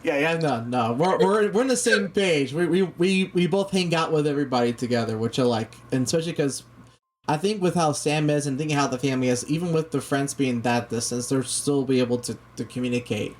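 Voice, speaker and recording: A talk show host whose first language is Spanish, talking slowly and carefully in casual chat, often restarting sentences. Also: mid-range voice, a little hiss or hum. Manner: deliberately slow, careful speech with frequent restarts.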